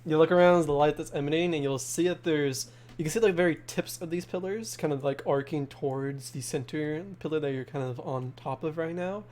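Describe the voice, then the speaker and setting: A man narrating a tabletop game as game master, describing scenes in a halting way full of fillers. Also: on the high side, darkish tone.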